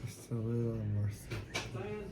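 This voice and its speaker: A man's voice: medium pitch, very animated, unhurried, background noise. A man waking up groggy from anesthesia, mumbling in a drowsy, slurred way.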